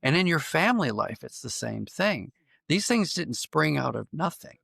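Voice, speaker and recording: A gravelly, fairly high male voice with a breathy edge and a somewhat bright tone moves through big pitch swings at normal speed, recorded with no room sound. He is an American writer and audio drama producer from Pennsylvania, speaking as a podcast guest. His manner is thoughtful and explanatory, with occasional repeated phrases as he reasons through a reflective interview.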